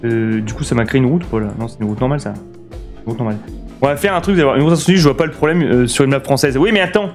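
A young man from France giving lively, swear-filled commentary while building roads in a city game and answering his chat. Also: mid-range voice, very fast. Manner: excitable, swears a lot, talks to chat. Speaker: streamer. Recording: faint guitar music behind.

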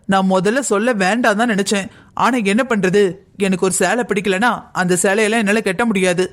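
A man voicing a resentful young daughter-in-law in a cartoon, complaining and quick to take offence. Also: high voice, lightly acted. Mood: indignant. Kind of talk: cartoon voice acting.

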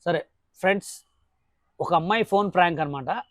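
A woman's voice: on the low side, moderate pace, no echo, clean studio sound. A woman with a Telangana Telugu accent hosting an informal interview, bluntly probing and repeating her questions insistently. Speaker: interviewer and host.

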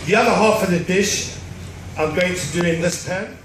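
A man's voice: high-pitched, moderate pace, a bit bright. A middle-aged man, a chef, explaining a recipe step by step with dry jokes at a live cooking demonstration. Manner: explanatory, dryly joking. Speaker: cruise ship chef. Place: cruise ship show stage before an audience. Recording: echoey hall, distant mic, noise.

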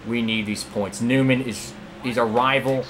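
A man commentating live over his own racing game career run, excitable and prone to sudden outbursts at other drivers and his car. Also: mid-range voice, moderate pace, noisy background. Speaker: gaming YouTuber.

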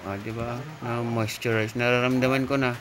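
A man's voice: medium pitch, little pitch movement, normal speed, crowd noise. A man vlogging while wearing a sheet mask, joking with viewers as he tries a beauty product. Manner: playful, jokey commentary to viewers. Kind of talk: casual beauty-product try-out vlog.

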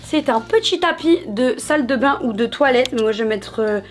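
A woman's voice: on the high side, expressive, moderate pace. Bubbly woman chatting through a haul. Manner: bubbly, chatty, calls viewers "mes amours". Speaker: haul vlogger. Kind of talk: casual haul video chat.

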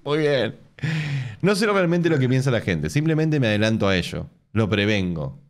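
This Argentine streamer in his thirties reads a forum post aloud in a mid-range voice with very lively intonation. He's sarcastic and laughs often, tossing in jokey, mocking asides during the casual live stream from a bookshelf-lined room at home.

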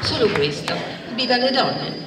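An older woman pays an emphatic, heartfelt tribute into a handheld microphone. She sounds distant in a large hall with long reverb. A loud audience fills the background. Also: fairly high pitch, lively intonation, unhurried, a loud crowd, very noisy. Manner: emphatic and warm in praise. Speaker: association representative giving thanks. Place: large indoor hall at a public book presentation.

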